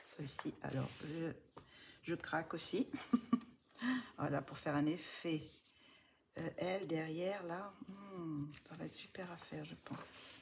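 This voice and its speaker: Woman, casual home vlogger, low-pitched, half-whispered delighted asides, hiss in the recording. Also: steady tone, measured pace, vocal fry, long pauses. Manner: soft-spoken, often drops to a near whisper, many fillers; gushing with delight over pages. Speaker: coloring book vlogger. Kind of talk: casual show-and-tell chat.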